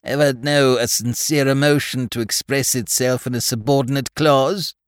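A man's voice: mid-range voice, big pitch swings, moderate pace, dry recording, studio quality, voice pushed up, natural voice. A man voicing an earnest, pretentious woman author who pronounces her views impressively.

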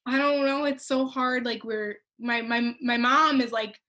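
Give me a woman on a podcast with a slightly high voice. She talks openly in a loose, chatty way, full of small fillers. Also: steady tone, a little slow, sharp tone. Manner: open, chatty, many "like" fillers. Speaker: podcast co-host. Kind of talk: casual chat.

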